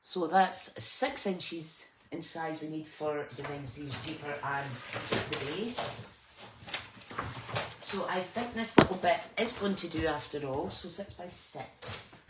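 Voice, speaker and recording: At a craft table indoors, a woman hosts a live papercraft class, giving a slow, chatty tutorial in an informal, rambling style full of small asides, self-interruptions and sing-song filler. Her voice is very low, with whistling s sounds. The recording is noisy, with clicks.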